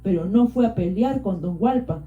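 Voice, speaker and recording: A woman narrating an audiobook in a steady, measured storytelling voice. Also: mid-range voice, faint music behind. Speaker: audiobook reader. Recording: roomy, dull lo-fi.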